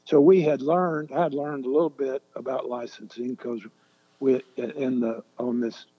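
Older male guest, husky, unhurried anecdote teller, echoey dull recording. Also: mid-range voice, steady tone. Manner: halting and deliberate, many restarts. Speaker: interview guest. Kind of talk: storytelling in an interview.

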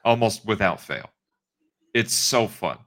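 Bright-voiced man talking like a frat bro. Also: on the low side, animated, slow pace. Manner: slangy frat-bro talk, full of "dude" and "bro". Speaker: podcast co-host. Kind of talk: casual banter.

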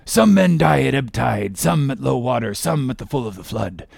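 Gravelly old sea captain Ahab. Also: male voice, medium pitch, lively intonation, normal speed, a little mellow, no room sound, clean studio sound. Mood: weary, grave. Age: older. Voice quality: gravelly, husky. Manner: declamatory, archaic speech. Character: old one-legged sea captain, obsessed, defiant, brooding.

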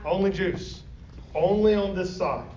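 In a classroom or church meeting room, a man teaches a Bible study, chatting conversationally and frequently quizzing the group. His voice sits high and unhurried, with crowd noise around him. The lo-fi recording sounds roomy, distant, and dull, with a faint hiss.

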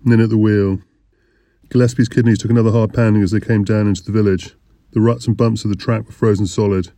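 A man reading an audiobook in measured, descriptive narration. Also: fairly low pitch, mellow, no echo.

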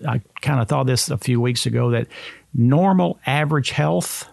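Male podcast host, gravelly and earnest, conversational with halting rephrasing, very dry sound. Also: mid-range voice, a little mellow, dry recording.

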